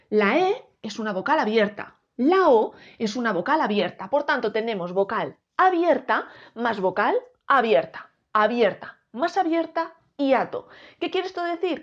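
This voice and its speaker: A woman teaching a grammar lesson, explaining slowly and clearly, splitting words into syllables and speaking straight to viewers. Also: sits high, muffled recording. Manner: addresses viewers directly, asks rhetorical questions.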